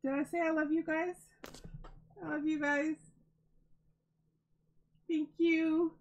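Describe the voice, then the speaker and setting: A woman's voice: high voice, little pitch movement, slow pace, darkish tone, muffled recording. A woman hosting a crafting vlog, unboxing donated yarn in a gushing, emotional, chatty way, close to tears. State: near tears. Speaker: crafting channel host.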